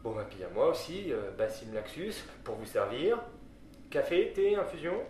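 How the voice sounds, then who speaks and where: A man's voice: mid-range voice, very animated, moderate pace, a little mellow, close to an everyday voice. A man playing a casual, nervous sidekick in an audio drama, hesitant and colloquial. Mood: cheeky. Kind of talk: French audio drama acting. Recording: echoey room, slightly distant, faint noise.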